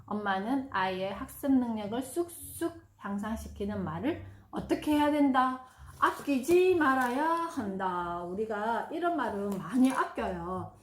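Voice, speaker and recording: A woman's voice: mid-range voice, animated, moderate pace. A woman in her fifties giving a parenting lesson, partly reading from a book and acting out gushing praise for children. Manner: warm, demonstrative, acts out gushing praise in bursts. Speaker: parenting educator. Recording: roomy echo.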